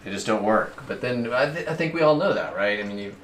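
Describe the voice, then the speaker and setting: Reflective male painter, very low voice, roomy echo. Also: animated, fast, a bit bright. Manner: reflective, searching for words. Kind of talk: casual livestream chat. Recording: roomy, noisy, echoey room.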